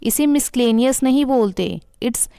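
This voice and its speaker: A woman with an Indian accent teaching English pronunciation, repeating each word slowly and clearly and switching between Hindi and English. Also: on the high side, mellow, dry recording, clean studio sound. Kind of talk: pronunciation lesson.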